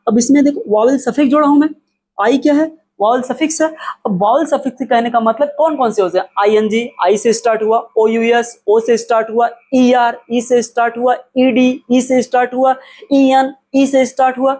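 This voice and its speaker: A man from India teaching an English spelling lesson, repeating key words slowly and answering his own questions as he explains. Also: extremely high pitch, steady tone, a little mellow.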